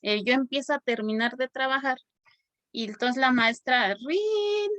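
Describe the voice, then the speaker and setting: Woman, teacher, chatty storytelling, fairly high voice, dry close sound. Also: moderate pace, no echo, highs cut off. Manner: chatty, animated, acts out quoted dialogue. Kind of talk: personal storytelling in a panel talk.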